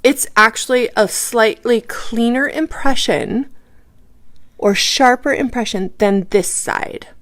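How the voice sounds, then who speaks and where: A woman's voice: on the high side, slow, fairly bright tone. A woman teaching a live craft tutorial, explaining each step and checking in with the viewers. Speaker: craft instructor.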